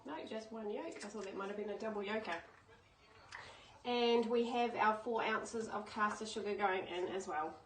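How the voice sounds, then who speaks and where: A woman's voice: medium pitch, fairly even intonation, normal speed, a little hiss or hum, poor audio. Chatty New woman baking. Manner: chatty, upbeat, step-by-step explaining. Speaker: baking channel host. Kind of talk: casual cooking demonstration. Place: home kitchen.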